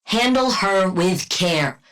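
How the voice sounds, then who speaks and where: Voicing combat lines for a video game, a woman plays a brilliant scientist villain-antihero with dry wit. She speaks slowly in a mid-range voice, clinical and deadpan with a wryly bookish edge, and the audio quality is poor.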